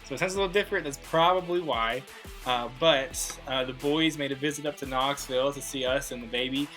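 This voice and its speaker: Hosting a laid-back podcast alongside cohosts in a room, this young man talks briskly in a mid-range, pushed, bright voice. He rambles through stories heavy with fillers; the low-quality recording carries soft music underneath.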